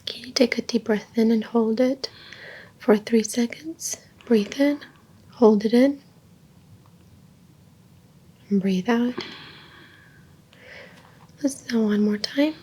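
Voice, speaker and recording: A woman whispering softly as a clinician in a roleplay, calmly giving gentle step-by-step instructions during a check-up. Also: fairly high pitch, slow pace, pauses often, slightly rough. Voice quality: soft whisper. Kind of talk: ASMR medical exam roleplay.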